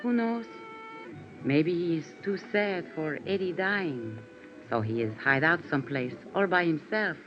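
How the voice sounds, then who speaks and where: A female voice, low and unhurried, plays a coy, playful Latin bar hostess in 1950s radio drama acting. She speaks lilting, expressive broken English with a Latin American Spanish accent. The dull vintage radio recording has music in it.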